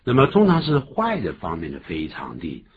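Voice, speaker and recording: Man, very low voice, hugely lively pitch, English lesson host, dull lo-fi sound. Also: normal speed. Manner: animated explaining, jumps high in pitch for emphasis. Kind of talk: bilingual radio English lesson. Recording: dull lo-fi recording with faint hiss.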